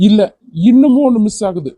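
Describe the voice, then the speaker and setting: A man's voice: very high voice, animated, brisk, warm tone, no room sound. A man voicing a protective young hero in a cartoon, teasing and firm in turn. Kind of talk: cartoon voice acting.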